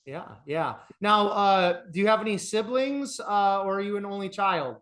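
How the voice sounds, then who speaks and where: A man's voice: high voice, animated, moderate pace, a bit bright. A man hosting a podcast interview, asking questions in a friendly way with many "uh"s and repeated words. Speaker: podcast host.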